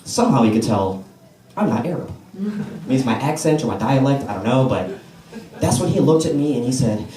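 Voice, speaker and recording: A sing-song, mellow, mid-range male voice moves at a fairly quick pace over a bit of hiss or hum. The speaker is an American stand-up doing an open mic set in a comedy club, relaxed in his storytelling and playing to the live crowd. Audience laughter rings out in the roomy, distant recording.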